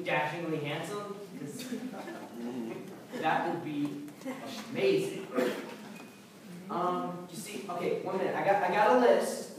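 Young man playing a rambling teen praying. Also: high voice. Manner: rambling, bargaining, awkward. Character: teenage boy praying with a wish list. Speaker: actor in a church skit. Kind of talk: comic church skit. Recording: echoey room from far off, faint noise.

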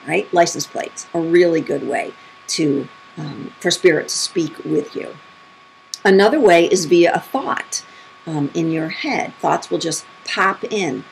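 A woman's voice: gravelly, a little hiss or hum, poor audio. A middle-aged woman, a spirit medium, telling her own stories in a chatty, casual way and acting out the quotes. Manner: chatty, acts out quotes with big pitch jumps. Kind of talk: casual storytelling monologue.

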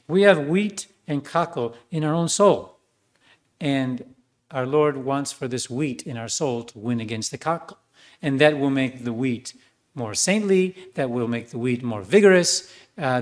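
A man preaching a sermon as a priest, earnest, with some fillers and restarts. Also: medium pitch.

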